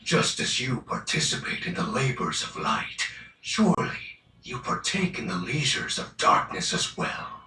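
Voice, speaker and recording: A man's voice: mid-range voice, sing-song, pushed and bright, far from the mic. A man voicing a theatrical, pompous lord of shadows in a video game, making grandiose, commanding proclamations. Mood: grand, brooding. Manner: bombastic, drawn-out commanding proclamations. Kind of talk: video game character acting. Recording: roomy echo, faint music behind.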